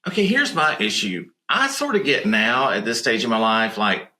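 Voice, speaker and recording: A man's voice: mid-range voice, huge pitch swings, normal speed, pushed and bright. A man co-hosting a podcast, chatting casually and thinking aloud through long rambling questions. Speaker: podcast co-host. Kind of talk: casual chat.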